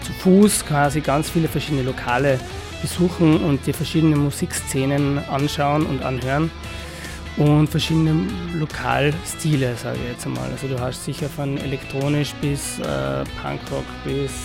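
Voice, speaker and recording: Bar owner guy being interviewed, stops and restarts a lot, slightly high voice, music clearly behind. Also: fairly even intonation, normal speed. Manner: hesitant, many fillers and restarts. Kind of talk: casual interview answers.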